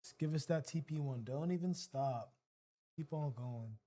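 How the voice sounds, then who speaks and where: A man's voice: fairly high pitch, unhurried, mellow. A man hosting a trading livestream, giving casual, slangy live commentary and talking to his chat.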